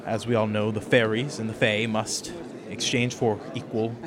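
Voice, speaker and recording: A man's voice: fairly low pitch, little pitch movement, normal speed, a crowd in the background, lightly acted. A man voicing a pompous diplomat who announces grave news in a grand, ceremonious way.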